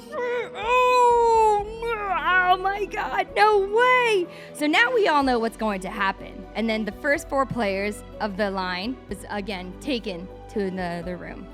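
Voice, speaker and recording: A woman in her thirties casually telling a story with lots of swearing, acting out her own and others' panicked shrieks. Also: medium pitch. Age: 30s. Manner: animated, profane, acts out shrieking reactions. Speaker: vlogger.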